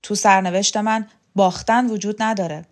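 A woman reading an audiobook, voicing a domineering, scornful woman who taunts and threatens loudly. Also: medium pitch, steady tone, lightly acted. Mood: angry. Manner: loud, sharp, taunting. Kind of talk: audiobook character voice.

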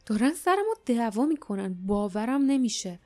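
A woman voicing a big burly grown man who speaks loudly and bluntly. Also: on the high side, very animated, faint music behind. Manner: loud, blunt.

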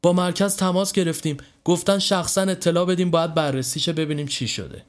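A man's voice: fairly high pitch, pitched above the performer's own voice, natural voice. Apologetic ambulance officer, voiced by a man. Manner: apologetic, earnest.

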